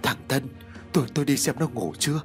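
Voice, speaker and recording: A man's voice: mid-range voice, expressive, fast talker, faint music behind, lightly acted. A man voicing a frightened middle-aged village wife who talks in an anxious, pleading way. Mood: worried.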